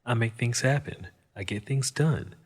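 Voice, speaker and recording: In an audio drama monologue, a male actor plays a cynical, wisecracking Martian criminal fixer, his medium-pitched, slightly rough voice lightly acted. He sounds sly and boastful, delivering lines wryly and world-wearily with deliberate pauses.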